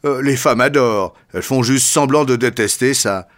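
A man voicing a pompous male lecturer who keeps getting slapped, his voice rising to indignant high shouts. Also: normal speed, natural voice.

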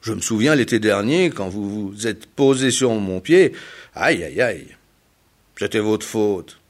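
A man's voice: fairly low pitch, lively intonation, a little slow. A man doing a carefree joking heron. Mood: teasing. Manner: light, teasing.

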